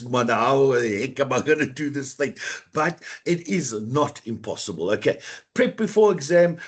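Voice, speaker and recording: A man teaching an online exam-prep class over a computer mic, chatty, with a rough, coughing throat and a habit of saying "guys". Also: mid-range voice. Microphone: computer mic on a video call.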